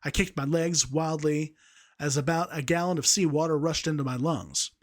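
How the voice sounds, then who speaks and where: A man's voice: a little high, normal speed. A young man reading a story aloud, amused by the text he narrates. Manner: amused, breaks off to laugh at the text.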